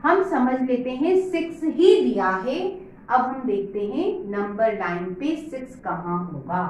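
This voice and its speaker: A woman's voice: fairly high pitch, lively intonation, a little slow, a little mellow. A woman teaching maths to children at a board, patient and asking her own questions aloud. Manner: patient, calls pupils "beta", asks and answers her own questions. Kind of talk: whiteboard maths lesson for children. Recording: very echoey room, faint noise.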